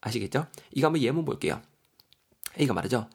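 A man with a Gyeongsang accent teaching English vocabulary in a lively, folksy way, spelling words out and explaining them. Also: medium pitch, fast talker, husky. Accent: Gyeongsang Korean. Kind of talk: vocabulary lesson.

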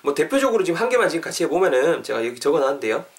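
Explaining phrases and then repeating them at a slow pace for listeners to practice, a young man hosts a podcast English lesson as its teacher. He coaxes cheerfully and energetically, with abrupt pitch lifts.

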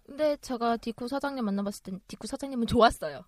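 A woman co-hosting a casual podcast, telling stories in a lively, animated way. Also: fairly high pitch, quick pace, dry recording. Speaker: podcast co-host. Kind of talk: casual chat.

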